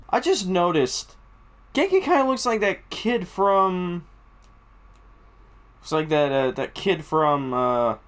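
A man doing casual, jokey let's play commentary, reacting out loud to a video game. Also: on the high side. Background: video game audio and music.

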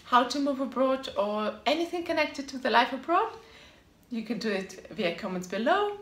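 With a slightly high, somewhat bright voice, an upbeat woman vlogger reads scripted tips on living abroad to the camera. She's emphatic, repeating short punchy answers, and the recording carries echo and faint ambience.

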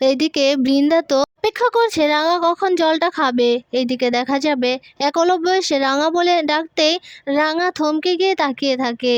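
A woman reading a recap of a TV serial in a steady storytelling way. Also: high voice, dry recording. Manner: steady storytelling recap, voicing every character herself. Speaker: serial synopsis narrator.

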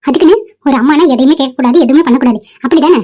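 A woman's voice: sits high, racing, mellow, lightly acted. A woman voicing an irritated middle-aged mother who scolds her son and husband sharply. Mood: scolding.

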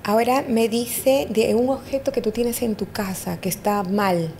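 Brief: woman psychic in an interview, mellow tone, hesitant with many fillers, faint rumble behind. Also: steady tone. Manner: hesitant, fills pauses with "eh" and "¿me entiendes?". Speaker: astrologer and psychic. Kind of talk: interview, giving psychic readings.

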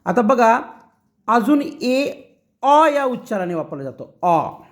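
Marathi guy teaching english sounds, real slow, spells every word out carefully. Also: very high-pitched, big pitch swings. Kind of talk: slow spoken lesson.

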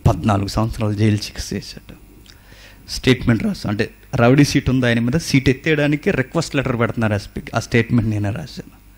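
A man preaching with force and fires question after question at his congregation. His voice sits at an ordinary middle pitch. He rises to loud outbursts, then drops low to tell a story. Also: fast talker. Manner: emphatic, with rhetorical questions to listeners; swings between loud exclamation and quiet storytelling. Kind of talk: sermon.

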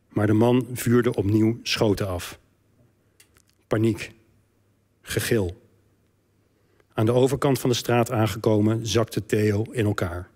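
A man, an author, reading a passage from his biography aloud on stage in a debate hall, in a measured, calm storytelling manner. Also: lowish voice.

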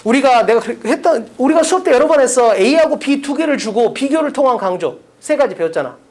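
A man lectures his class with a pitch that swings up and down. He talks bluntly and casually, calling on students by name to quiz them. The sound is a classroom lesson. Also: lively intonation, brisk, darkish tone. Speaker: English teacher.

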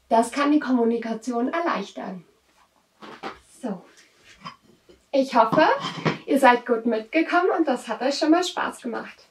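A woman hosting a children's show, gently and encouragingly explaining crafts and rituals directly to children. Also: a little high. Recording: roomy, distant microphone.

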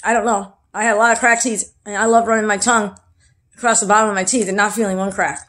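A woman's voice: medium pitch, flat delivery, fast talker, fairly bright tone. A woman, chatting frankly in a rambling video diary while wearing new dentures, her fingers at her mouth. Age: 40s. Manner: frank, rambling, self-deprecating. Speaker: vlogger.

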